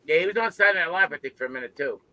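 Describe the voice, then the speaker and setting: A man chatting casually and excitably, insistent and slangy, often repeating himself. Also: on the high side, racing, no echo.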